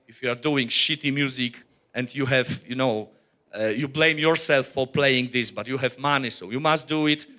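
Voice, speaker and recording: Bright-voiced man giving a talk. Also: mid-range voice. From Poland. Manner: earnest, blunt, with many "uh" fillers and restarts. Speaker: workshop presenter, rock musician. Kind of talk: workshop presentation.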